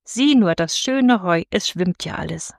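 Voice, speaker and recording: A woman voicing a lively young village girl in a storybook reading, calling out in a raised voice. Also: fairly low pitch, measured pace, gravelly, no echo, clean studio sound. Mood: eager.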